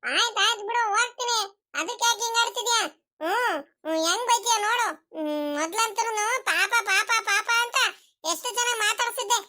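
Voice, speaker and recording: A woman's voice: very high voice, moderate pace, pushed and bright. A woman voicing a cheeky, easily hurt young grandson in a cartoon comedy, whining and complaining. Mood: sulky. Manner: whiny, sulky complaining.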